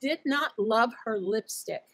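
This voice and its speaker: A woman's voice: fairly high pitch, animated, a little slow, a bit bright, slightly rough. Chatty woman giving fashion opinions. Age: middle-aged. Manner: hesitant, many restarts and fillers, opinionated. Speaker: color analyst co-host. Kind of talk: casual fashion commentary chat.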